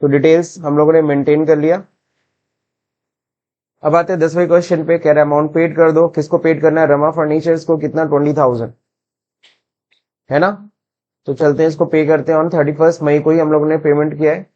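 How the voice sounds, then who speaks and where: A man with an Indian English accent teaching an accounting software lesson, switching between Hindi and English and asking and answering his own questions. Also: fairly high pitch, level tone, fairly quick, pauses often, highs cut off. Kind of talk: screen-recorded classroom lesson.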